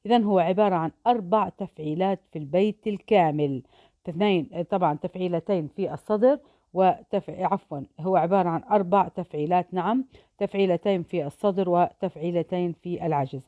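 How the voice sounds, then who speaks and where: A woman teacher walks through poetic meter, counting out syllables slowly and deliberately. Her voice is low and mellow. The recording is dry and a little dull, like a basic home setup. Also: no echo. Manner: slow syllable-by-syllable dictation.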